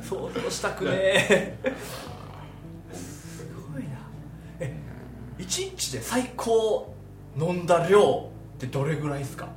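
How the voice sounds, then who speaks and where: A man interviewing, nodding along with steady backchannels and asking follow-up questions in casual chat. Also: high voice, slow pace, long pauses, roomy sound, soft background music. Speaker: interviewer, co-host.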